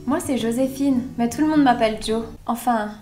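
A woman's voice: fairly high pitch, moderate pace, warm tone, faint music behind, lightly acted. A woman voicing a chatty, friendly young female flight attendant in a story game, in a casual, bubbly way. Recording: echoey room.

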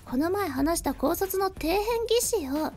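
A woman voicing a shrill, sneering spoiled bride. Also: animated, measured pace, a little mellow, faint music behind, full character voice. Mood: shrill whining. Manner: shrill, contemptuous, whiny.

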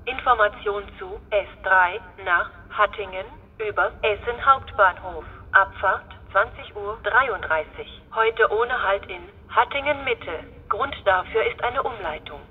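Narrow telephone-like sound, woman, slow delivery, flat platform announcement, formal station announcer, segmented phrases. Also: medium pitch, slightly rough. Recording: tinny phone-like band, hissy background noise.

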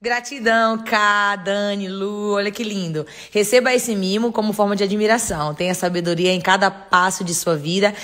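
Woman vlogger and mother, casual home vlog, effusive, mid-pitched. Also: fairly bright tone.

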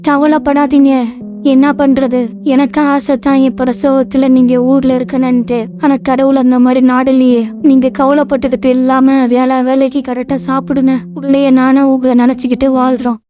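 A woman's voice: high voice, flat delivery, moderate pace, dark tone, natural voice. A woman voicing a worried young wife in a cartoon, speaking plaintively over background music.

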